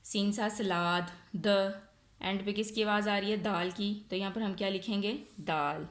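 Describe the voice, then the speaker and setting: A woman with a Pakistani accent, a nursery teacher giving a recorded online lesson, asking questions and answering them herself, stretching words out slowly. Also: medium pitch, fairly even intonation. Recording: echoey room.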